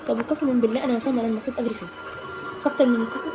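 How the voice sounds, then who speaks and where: Speaking rapid-fire in a fairly high, fairly even voice, this young Egyptian gaming YouTuber addresses her viewers with nervous, frustrated reactions to a horror game. Her Egyptian Arabic accent comes through a lo-fi recording full of loud background noise and clicks.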